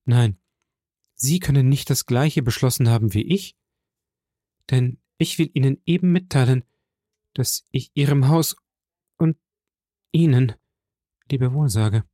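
A man's voice: medium pitch, measured pace, pauses often, dark tone, dry recording, clean studio sound, close to an everyday voice. A man voicing a proud, resolute young male aristocrat in an audiobook.

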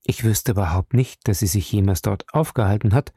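A man's voice: lowish voice, fairly quick, mellow, slightly rough, no room sound, clean studio sound. A man reading an audiobook, voicing an earnest, composed young woman.

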